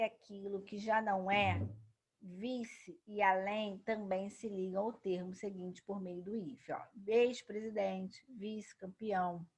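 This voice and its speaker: A woman's voice: mid-range voice, slightly rough. A woman teacher explaining grammar rules, stressing key words and answering questions she poses herself. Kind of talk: grammar lesson.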